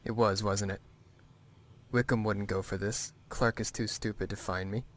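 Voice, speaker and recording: Brief: man voicing a bitter fugitive in a game, low flat monotone, resentful, faint noise behind. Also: normal speed. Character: bitter hunted man, former spy technician. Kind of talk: video game dialogue.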